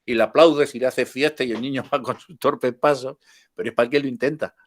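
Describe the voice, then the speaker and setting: An older man teaches a spiritual class in a chatty, informal style, telling jokes, laughing easily, and drifting into asides. His voice sits in an ordinary middle range with fairly even intonation and a quick pace.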